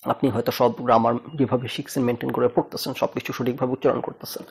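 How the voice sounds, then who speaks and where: A man's voice: mid-range voice, level tone, quick pace, gravelly, breathy edge. A man from Bangladesh hosting a casual talk show, thinking aloud with rhetorical questions and slipping English phrases into his talk. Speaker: host.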